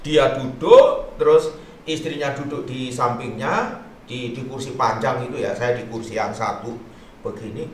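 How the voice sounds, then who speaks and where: A pastor tells his story in an interview, acting out each person with sudden loud bursts and then soft, hushed pleading. The voice is in a middle register for a man. It sounds distant and echoey, with faint hiss underneath. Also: mid-range voice, unhurried. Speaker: pastor telling his testimony. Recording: echoey room, distant mic, faint noise.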